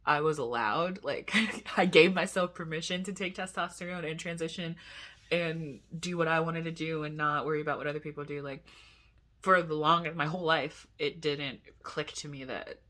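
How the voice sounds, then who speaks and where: A young man chats to the camera in a loose, rambling vlog, tossing in asides and giggling often. His voice sits on the high side, with a steady, sharp tone and a moderate pace.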